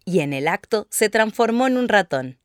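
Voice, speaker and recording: A woman narrating a children's fairy tale in a steady, clear telling. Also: mid-range voice, moderate pace. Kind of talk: storybook narration.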